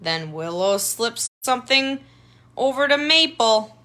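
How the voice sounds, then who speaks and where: Reading a picture book to a group of kids, this woman tutor speaks in a slightly high, pushed and bright voice, animated yet unhurried. Along the way she drops in easy explanations, asking questions and making remarks to draw attention to details.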